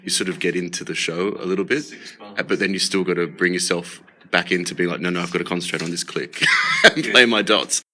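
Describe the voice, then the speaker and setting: A male musician reflects casually on playing. His voice is very deep yet bright, and his words come quickly. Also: a little hiss or hum. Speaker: orchestra musician. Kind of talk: interview answers.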